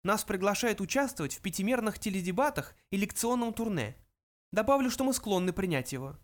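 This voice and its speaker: Frankie, a brisk squeaky mouse voiced by a man. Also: animated. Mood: businesslike.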